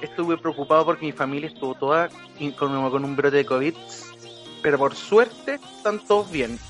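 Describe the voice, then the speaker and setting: A man's voice: fairly high pitch, normal speed, fairly bright tone, faint music behind. A man in his thirties with a Chilean accent, chatting casually as a podcast co-host. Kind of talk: casual chat.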